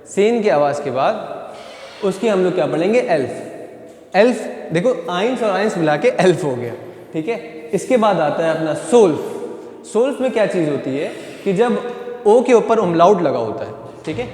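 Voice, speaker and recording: A man with a high voice teaches a beginners' class and keeps asking his students questions as he goes. His voice rings out in a room with a long trailing echo. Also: darkish tone. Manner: repeats questions to students, explains step by step. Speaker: German teacher. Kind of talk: online class explanation. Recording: echoey room, long reverb.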